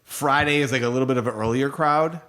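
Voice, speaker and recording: A man's voice: medium pitch, fast talker, fairly bright tone. Chatty man telling club stories. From Rochester, New York. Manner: chatty storyteller, acts out quotes. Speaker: DJ and radio host guest. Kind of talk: casual podcast interview.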